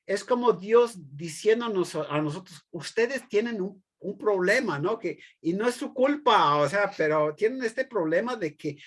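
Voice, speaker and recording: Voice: mid-range voice, lively intonation, normal speed, hardly any pauses. Hesitant teacher giving a class lecture. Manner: hesitant, many fillers and restarts, tag questions; explains with everyday examples.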